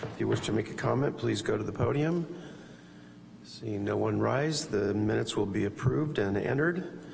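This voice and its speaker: A man's voice: on the low side, moderate pace, gravelly, darkish tone. A man speaking as board chair, running formal meeting procedure. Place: public board meeting room. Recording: reverberant hall, faint noise.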